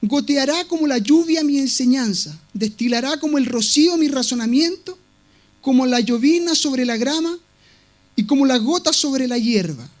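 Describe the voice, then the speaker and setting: A man's voice: extremely high pitch, expressive, moderate pace. A male pastor preaching a sermon with emphatic delivery, repeating key words for weight. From Latin America.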